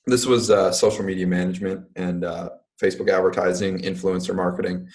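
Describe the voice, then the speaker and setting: A man's voice: deep voice, little pitch movement, a little fast, darkish tone. A man in his twenties, a guest entrepreneur, talking casually in a podcast interview with many fillers.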